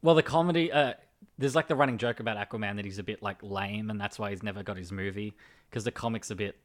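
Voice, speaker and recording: A man with a lowish voice hosts a casual film podcast. He talks in a chatty way and fills pauses with "uh" and "um". He is recorded on a desk mic indoors. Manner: chatty, looks things up and reads them out, hesitant fillers. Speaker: podcast host.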